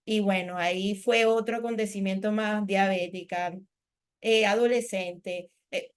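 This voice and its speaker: A middle-aged woman speaks as a spiritual teacher at a workshop. She tells her own story candidly, in a conversational flow full of little asides, at a medium pitch for a woman. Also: fairly even intonation, unhurried, clear, resonant tone. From Panama. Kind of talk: personal testimony talk.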